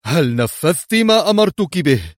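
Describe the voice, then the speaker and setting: A man's voice: mid-range voice, normal speed, no echo, clean studio sound, lightly acted. A man reading a storybook voices a ruthless, furious spy-ring boss who barks harsh, contemptuous orders.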